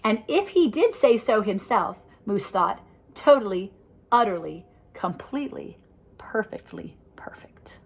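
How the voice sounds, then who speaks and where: This older woman reads a rhyming picture book to children with a bright, sing-song cadence and chatty remarks on the images. Her mid-range voice is unhurried, creaky, and husky.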